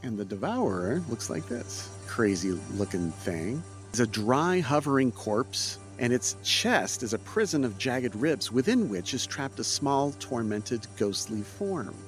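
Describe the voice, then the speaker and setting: A man with a mid-pitched voice runs a tabletop game as its game master. He narrates descriptively and deliberately, with music behind him. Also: big pitch swings.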